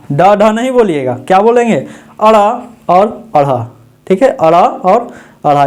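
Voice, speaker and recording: In a teaching room with a writing board, a grammar teacher gives an exam-prep lesson, asking the class questions and answering them. Key sounds and terms get repeated several times, in a medium-pitched, slightly mellow voice.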